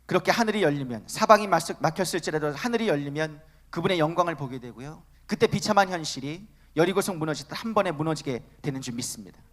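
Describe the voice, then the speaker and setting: A man's voice: fairly high pitch, lively intonation, fast, few pauses, a bit bright. A man preaching a sermon to a youth congregation, emphatic and asking his listeners rhetorical questions.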